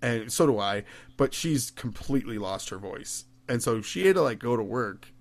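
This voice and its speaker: A man's voice: mid-range voice, moderate pace. A man co-hosting a podcast in casual chat, telling stories with lots of laughter. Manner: laughing storyteller, animated. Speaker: podcast co-host.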